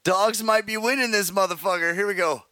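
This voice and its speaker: Man on a voice call, high and lively, bright dry sound. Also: brisk, no room sound. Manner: laughing, calls out turns. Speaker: game leader on a call. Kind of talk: casual gaming chat.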